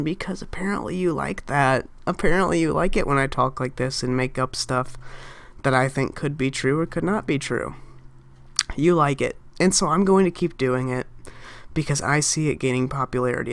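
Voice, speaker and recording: A woman's voice: deep voice, no room sound. A young woman talking casually and ramblingly in a game-theory vlog, close to her mic at home, often breaking off and restarting. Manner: rambling, self-interrupting, distracted. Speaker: YouTuber. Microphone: close desk mic.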